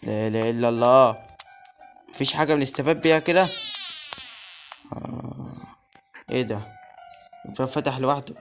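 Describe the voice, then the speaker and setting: An Egyptian man talks his way through a horror game in a middle-pitched voice, muttering nervously under his breath and jumping into startled yelps. Game music plays clearly underneath his commentary. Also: fairly quick, pauses often. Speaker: gaming channel host.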